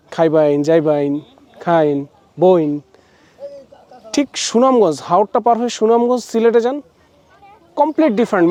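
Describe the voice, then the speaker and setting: A man's voice: high-pitched, mellow. A man from Bangladesh giving a casual walking-tour vlog outdoors at a forest resort, chatty and mixing in English words while often correcting himself. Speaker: travel vlogger.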